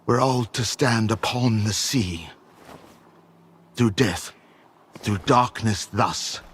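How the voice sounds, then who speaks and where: An actor playing a brooding, fanatical faction leader and war-scarred survivor, telling things theatrically with dramatic pauses in a video game cutscene. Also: male voice, fairly low pitch, breathy edge. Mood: solemn, fervent.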